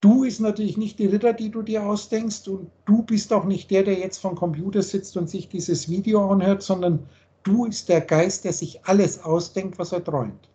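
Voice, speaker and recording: A man's voice: sits high, fairly even intonation, moderate pace, mellow. A man lecturing on a video call and explaining the meaning of words letter by letter, in the manner of a spiritual teacher. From Germany.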